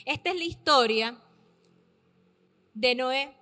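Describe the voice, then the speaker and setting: High-voiced woman preaching in a reverberant hall. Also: bright, forceful tone. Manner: emphatic, repeats key words slowly for stress. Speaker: preacher addressing youth and parents. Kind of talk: sermon.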